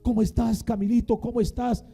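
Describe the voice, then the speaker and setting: A male preacher voicing a worried father who gently questions his small son in a scene acted within a sermon. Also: extremely high pitch, flat delivery, fairly quick, soft background music, voice pushed up. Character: anxious father checking on his young son.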